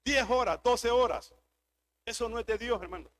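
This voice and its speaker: High pitched pastor guy, preaching hard and repeating himself. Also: moderate pace, fairly bright tone. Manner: preaching with rising, emphatic repetition. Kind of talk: sermon.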